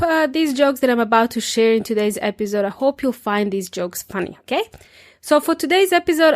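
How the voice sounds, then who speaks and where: Chatty lady doing an english lesson podcast, highish voice, simple explanations, no room sound. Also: no room sound, studio quality. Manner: chatty, addresses listeners directly, explains simply. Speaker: podcast host and English teacher. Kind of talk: informal solo podcast talk to English learners.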